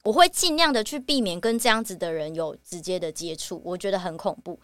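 A young woman with a Taiwanese Mandarin accent, hosting a podcast and telling a personal story in a halting, reflective way. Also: lowish voice, a bit bright, no echo, clean studio sound. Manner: halting and reflective, with many fillers. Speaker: podcast host.

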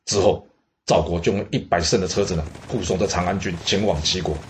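A man's voice: sits low, fairly even intonation, fairly quick, slight background noise. A man telling a history story in a casual, humorous way with joking asides.

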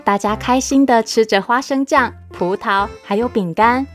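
A woman reads a children's story aloud, lively and expressive. Her voice sits a little high, with soft music faint in the background. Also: normal speed.

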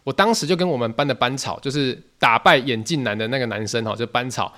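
A young man with a Taiwanese Mandarin accent, hosting a podcast and telling a story in a lively, casual way, acting out other people's voices. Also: mid-range voice, fast talker. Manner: animated, quotes people in shifting voices. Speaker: podcast host.

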